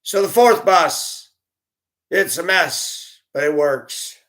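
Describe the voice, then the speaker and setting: A man's voice: fairly high pitch, expressive, takes it slowly, fairly bright tone. A man who used to drive a school bus, telling his own story in an earnest, heartfelt way while venting his frustrations. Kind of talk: candid personal storytelling.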